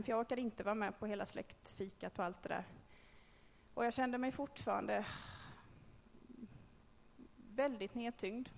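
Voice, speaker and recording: Woman sharing a personal testimony to a group, conversational and halting, gravelly tone, recorded in a reverberant hall. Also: a little high, a little mellow, slight background noise. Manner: candid, conversational storytelling with hesitations. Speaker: speaker telling a personal faith story.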